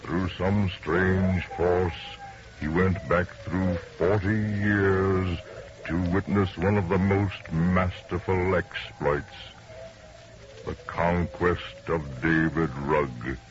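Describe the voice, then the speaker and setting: An actor playing the Devil as a sly, theatrical storytelling host of an old-time radio horror show. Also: male voice, low voice, steady tone. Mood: sly, ominous. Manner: slow, theatrical, deliberate. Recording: noisy, dull vintage radio recording.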